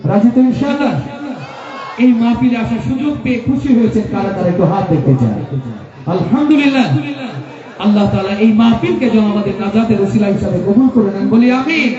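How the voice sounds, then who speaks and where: A man with a very high voice stands before a crowded devotional gathering and works the audience with call-and-response, often breaking into shouts. His voice carries a heavy echo and a muffled, dull sound. A loud crowd fills the background. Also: lively intonation, quick pace. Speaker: stage speaker and singer leading a religious gathering. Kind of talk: rousing stage address at a devotional gathering.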